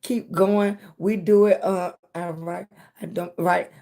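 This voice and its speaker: A woman's voice: fairly low pitch, steady tone, takes it slowly, dark tone. An American woman hosting a motivational livestream chat, affectionate and encouraging, speaking emphatically with frequent checking tags and pet names for her viewers. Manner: affectionate, encouraging, addressing viewers as baby and sweetie. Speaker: livestream host and content creator.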